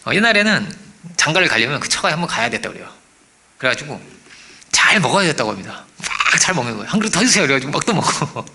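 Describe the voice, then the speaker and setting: A man preaching a sermon as pastor, animated, asking the congregation for agreement and acting out quoted voices. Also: mid-range voice, fast, vocal fry, slight background noise. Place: church.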